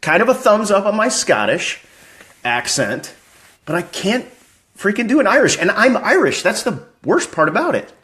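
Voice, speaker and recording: Male sports-fan streamer, slightly higher voice, animated and chatty, reading chat comments live. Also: moderate pace. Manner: upbeat, chatty, greeting viewers by name.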